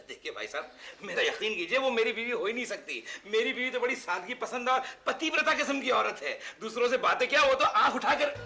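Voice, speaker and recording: Flustered jealous husband, high and excitable, over a noisy track. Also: male voice, fairly quick, few pauses, exaggerated voice. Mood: agitated. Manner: flustered, exclaiming, jumpy pitch. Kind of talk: sitcom acting.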